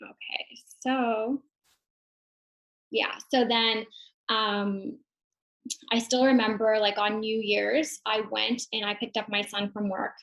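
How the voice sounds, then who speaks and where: A woman's voice: on the high side, flat delivery, takes it slowly, long pauses, fairly bright tone, low-quality recording. A young woman, a mother and online business owner, telling her story in a casual, reflective way. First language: English. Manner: casual, reflective, many fillers and restarts. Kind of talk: personal testimonial talk.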